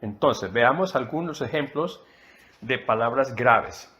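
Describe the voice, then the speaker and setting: A man's voice: medium pitch, expressive, slow pace, a bit bright. A man teaching a Spanish lesson, explaining patiently and repeating key terms for emphasis.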